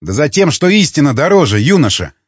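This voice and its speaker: A narrator puts on a cynical, sneering ex-jailer who argues fast and mocks, his pitch jumping around. The audiobook sound is dull and dry. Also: sing-song, breathy edge, no echo. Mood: mocking.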